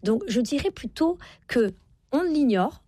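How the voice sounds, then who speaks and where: In her forties, this guest author on parenting speaks in an interview with a high voice, big pitch swings and a measured pace. Her tone is mellow and slightly rough, recorded with no room sound. She explains and advises emphatically, repeating key phrases for insistence.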